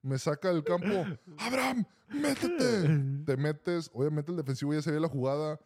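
A man's voice: on the high side, fairly even intonation, brisk, warm tone. A Mexican man co-hosting a podcast, telling stories in casual slangy chat, often saying vato. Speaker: podcast co-host.

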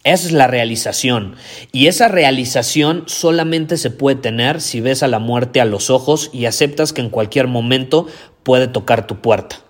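A man's voice: medium pitch, normal speed. Emphatic man giving a motivational talk. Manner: emphatic, repeats key phrases, swears casually. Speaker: podcast host. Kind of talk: motivational monologue.

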